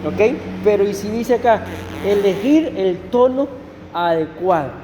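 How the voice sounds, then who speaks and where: A male pastor giving a conversational sermon to his congregation, often slowing down to read verses aloud. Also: high voice, expressive, in a large hall, background noise. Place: church.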